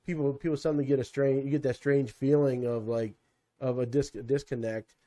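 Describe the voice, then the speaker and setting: Male podcast co-host, mellow tone, rambling reflective talker. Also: mid-range voice, flat delivery, a little fast. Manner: rambling, many fillers and restarts, reflective. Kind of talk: casual podcast chat.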